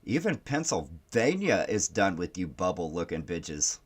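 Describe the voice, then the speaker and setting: A man's voice: sits low, very animated, unhurried, breathy edge. A man giving profane, taunting reaction commentary on video clips, laughing at the people he mocks.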